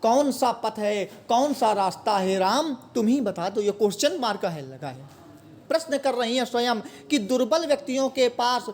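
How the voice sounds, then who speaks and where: A man's voice: very high-pitched, animated, moderate pace. A man explaining a poem line by line, asking his own questions and answering them. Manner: repeats words and asks questions then answers them himself. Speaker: Hindi teacher.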